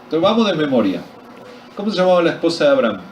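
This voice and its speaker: Argentine pastor preaching in an echoey hall. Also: male voice, fairly high pitch, racing, a little hiss or hum. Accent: Argentine Spanish. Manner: quizzes the audience, joking and animated. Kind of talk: sermon at a men's retreat. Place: retreat meeting hall. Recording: echoey hall recorded from far off.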